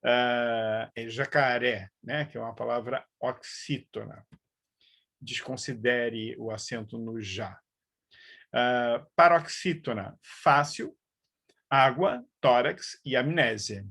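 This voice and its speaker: A man's voice: medium pitch, creaky, a bit bright. A man teaching grammar in a live online lesson, explaining patiently and checking in with viewers as he goes. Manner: slow, patient explaining with frequent fillers and check-ins.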